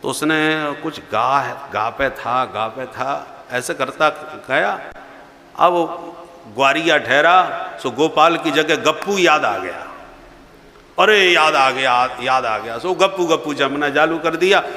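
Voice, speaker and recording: A man's voice: on the high side, slow. A man telling a devotional story in a sermon, acting out the characters. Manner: animated, acts out characters. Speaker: religious storyteller. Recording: echoey hall reverb.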